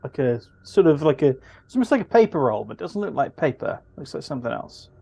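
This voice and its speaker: A man running a tabletop game as game master, describing scenes in a halting, word-searching way. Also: a little high, very animated, vocal fry, dark tone, slightly rough.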